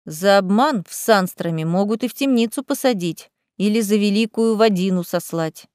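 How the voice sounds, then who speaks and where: A woman's voice: medium pitch, moderate pace, a little mellow, smooth, no room sound, studio quality, lightly acted. A woman reading the part of a sly, greedy young female cat familiar who talks in a lazy, teasing, mocking way. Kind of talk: audiobook character voice.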